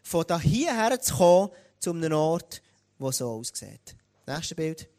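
A man with a Swiss German accent preaching a sermon, talking straight to the congregation in a lively way. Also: on the high side, unhurried. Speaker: pastor.

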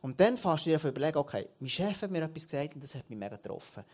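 Man, late 30s, church leader giving a sermon, animated delivery with frequent restarts. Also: a little high, racing.

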